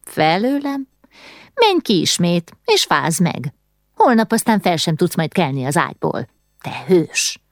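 A woman's voice: lowish voice, big pitch swings, few pauses, a little mellow, dry recording, clean studio sound. A woman reading an audiobook, voicing a cheeky, outspoken little girl who scolds and mocks. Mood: scolding. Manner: mocking, scolding. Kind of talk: audiobook character voice.

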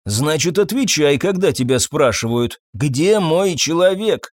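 A man's voice: a little high, lively intonation, unhurried, dry recording. A man voicing a short, stocky, menacing armed thug in an audiobook, with a coarse, threatening manner and a very dry sound.

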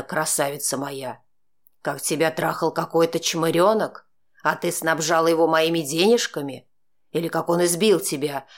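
A woman reading an audiobook, voicing a jealous, drunk young man who mocks and threatens in a low voice. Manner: mocking, threatening, low and sneering.

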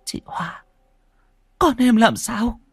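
A man voicing a weak, exhausted young mother, who pleads in a faint, breathy way. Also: on the high side, wildly swooping pitch, slow pace, a bit bright, dry recording, soft background music, voice pushed up, exaggerated voice. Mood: pleading.

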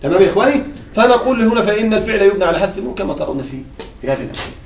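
Male grammar teacher with a very high voice, quizzing the class and repeating key points, recorded from a distance in a roomy space. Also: big pitch swings, very fast, creaky, a little hiss or hum. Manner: asks the class questions and answers them himself. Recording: echoey room, mic at a distance.

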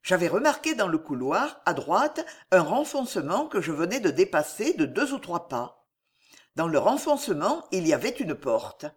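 An audiobook narrator reading a French adventure novel in an animated storytelling manner. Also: mid-range voice, breathy edge.

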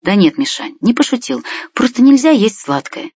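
A storyteller voicing a tired, gentle old grandfather who keeps sighing, in a husky, slightly dull recording. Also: mid-range voice, big pitch swings, normal speed, dry recording, voice pushed up. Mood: weary. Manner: weary, sighing.

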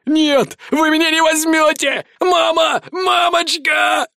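A man's voice: very high-pitched, fairly even intonation, brisk, darkish tone, no room sound, studio quality, pitched above the performer's own voice. A man voicing a cowardly young male fop who wails and pleads in a panic. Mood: panicked pleading. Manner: wailing, pleading.

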